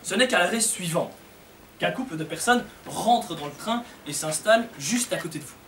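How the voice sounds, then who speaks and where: Young man doing stand-up, high voice. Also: moderate pace. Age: young adult. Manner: lively storytelling, acting out characters. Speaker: stand-up comedian. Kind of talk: stand-up comedy sketch. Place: café comedy stage with audience. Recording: echoey far-off room mic, loud crowd laughter and noise. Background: audience laughing.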